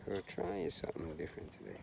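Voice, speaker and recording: This long-distance runner has a very deep, gravelly voice and speaks softly, pausing a lot as he reflects while jogging along a park trail. He holds the camera himself for this casual outdoor vlog, and background noise is clearly audible.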